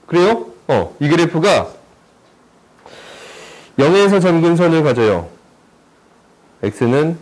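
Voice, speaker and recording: A man teaching a recorded math lesson in a chatty, joking way, checking in with his students through constant quick questions as he works through a graph problem. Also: medium pitch, a little mellow, low-quality recording. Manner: jokey, chatty, asks students lots of tag questions.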